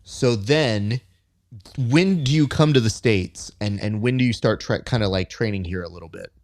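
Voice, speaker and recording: A man's voice: lowish voice, normal speed. Chatty male podcast interviewer. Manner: chatty, joking, lively questions. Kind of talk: conversational interview.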